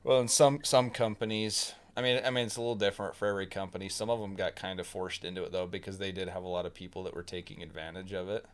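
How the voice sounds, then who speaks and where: A man's voice: deep voice, level tone, fast talker, few pauses. A man hosting a game livestream, chatting casually and joking with viewers and friends. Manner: laid-back, joking, chatty. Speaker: streamer.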